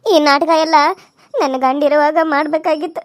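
A woman with a very high, thin voice voices the characters of a village cartoon serial. She wails, pleads and scolds in turn. The recording is close and dry, with no room sound around her. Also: steady tone, normal speed, no echo. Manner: wailing, pleading and scolding in turns.

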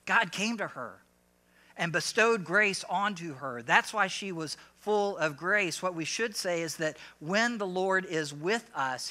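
A man's voice: a little high, sharp tone. A man with a Southern US accent, a lead pastor preaching a sermon with emphatic repetition, calling on the congregation to answer back. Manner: emphatic, repeats key phrases, asks the congregation to respond.

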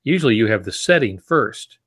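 On a video call from his home office, using earphones, a man in his sixties co-hosts a podcast as an experienced writer, offering casual, reflective advice. His mid-range voice is animated, fairly quick, a bit bright and husky.

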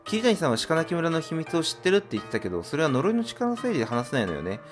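A man's voice: a little high, big pitch swings, quick pace, over music, pitched above the performer's own voice. A man voicing an anxious, polite young woman character in a game, reading her lines with a worried, formal feminine manner.

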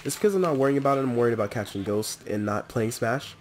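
Excitable young man narrating gameplay. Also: mid-range voice, fast, a little hiss or hum. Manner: excitable, chatty, talks to the game characters. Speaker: let's play host. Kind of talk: casual gameplay commentary.

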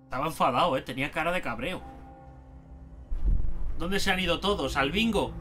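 A man with a Spain Spanish accent giving let's play commentary, excitable and swearing and shouting at the game. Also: fairly high pitch, moderate pace. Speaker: gaming YouTuber. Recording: game music and sound behind voice.

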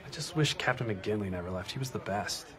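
A man's voice: on the low side, animated, fast, a crowd in the background, close to an everyday voice. An actor playing a carefree male police detective with a playful, offhand way of talking. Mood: joking. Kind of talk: TV sitcom acting.

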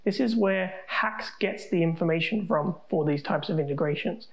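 Low, gravelly woman explaining step by step. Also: moderate pace, poor audio. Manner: calm step-by-step instruction. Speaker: tech tutorial host. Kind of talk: screen-recorded tutorial narration.

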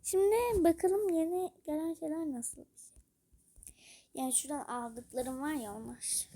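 Woman gaming vlogger, high voice, chatty, excitable, talks to the screen. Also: measured pace, a little hiss or hum. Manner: chatty, gushing over game items, talks to her character. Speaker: gaming YouTuber. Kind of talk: casual gameplay commentary.

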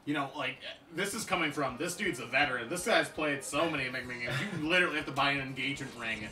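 A man's voice: medium pitch, fast, recorded from a distance. A young man casually joking and swearing while commenting on a video game with friends. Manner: joking, loud bursts, swearing, laughs often.

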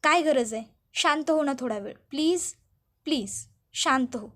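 A woman voicing a stubborn young man who begs his mother to calm down and eat, in a soap recap. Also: sits high, measured pace. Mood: pleading, insistent. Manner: coaxing, pleading, repeats please.

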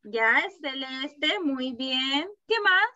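A woman teaching a kindergarten class over a video call, asking slow, patient questions and praising the children. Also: high voice, expressive, sharp tone, dry recording. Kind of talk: online class with young children. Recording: dull, muffled video-call audio.

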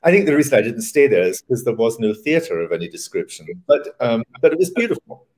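An older man talking on a video call from a room at home, relaxed, wry and reflective as a theatre director being interviewed. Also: medium pitch, fast. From Scotland. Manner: wry, reflective, chuckles at himself. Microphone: webcam on video call.

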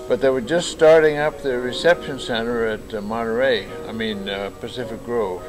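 An elderly man in his nineties, born in Japan, recalls his life in an unhurried, rambling way, full of fillers and restarts. His pitch is mid-range and ordinary. He sounds a little distant, picked up by a camera across a table in a big lounge, with music playing softly behind him. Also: fairly even intonation. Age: 90s. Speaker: interviewee. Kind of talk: casual storytelling. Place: large bright lounge, indoors.

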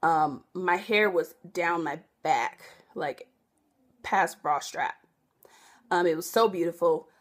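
A young woman vlogging in a casual, rambling way, often correcting herself and filling pauses with "um.". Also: lowish voice. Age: young adult. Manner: rambling, self-correcting, chatty with many fillers. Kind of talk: casual chat to camera.

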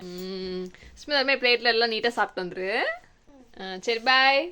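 A mother at home in a casual family vlog, gently coaxing her small daughter with questions and talking to the camera. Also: fairly high pitch, moderate pace, crowd noise.

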